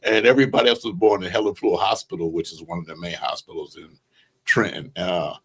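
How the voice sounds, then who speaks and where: A man, telling life stories as a podcast guest in an unhurried, storytelling way. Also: deep voice, fairly even intonation, slightly rough. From Southern United States. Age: 70s. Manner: storytelling, unhurried, chuckles now and then. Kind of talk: reminiscing interview talk.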